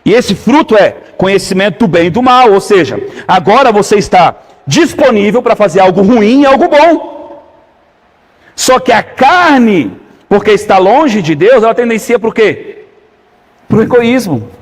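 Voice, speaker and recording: A man preaching a sermon as pastor, his voice sitting high for a man. He keeps turning to the congregation with quick questions and calls for an amen. The sound rings with a long reverb from the church hall. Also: expressive.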